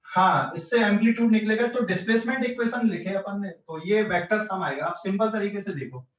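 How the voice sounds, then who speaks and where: A man's voice: sits high, fairly quick, a bit bright. A man teaching physics in an online class, explaining step by step and checking often whether students follow, with a central Indian accent. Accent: Hindi-English mixed speech, central Indian. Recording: echoey distant lo-fi online class.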